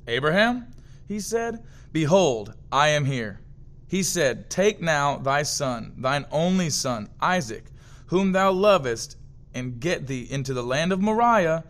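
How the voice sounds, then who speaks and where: A man reading a long scripture passage aloud in a steady, measured way. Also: fairly high pitch. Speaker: scripture reader.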